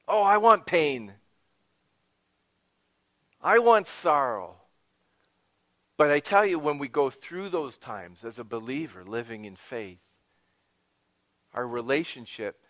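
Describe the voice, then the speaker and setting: A man delivers a sermon in a middle-pitched voice, shifting between quiet, intimate passages and raised, emphatic ones. He talks to his listeners conversationally, with asides and questions along the way. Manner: expressive preaching, dropping to a whisper and rising for emphasis. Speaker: pastor.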